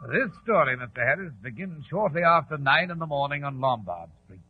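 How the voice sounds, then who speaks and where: An actor playing a genial, courteous gentleman doctor telling stories from his memoirs in 1940s radio style. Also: on the high side, very animated, breathy edge. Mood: storytelling. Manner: genial, courteous, measured storyteller. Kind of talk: 1940s radio acting, storytelling narration. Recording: tinny, noisy old radio recording.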